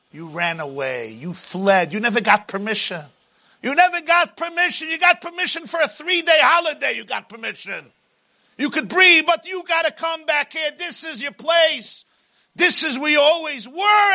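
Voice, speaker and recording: A man voicing a domineering, taunting Pharaoh as an inner oppressor, in a booming motivational-speech delivery within a sermon. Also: sharp tone, full character voice.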